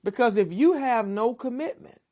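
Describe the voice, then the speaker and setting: A woman giving measured, persuasive relationship advice in a documentary interview. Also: on the high side, animated, crowd noise. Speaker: relationship speaker.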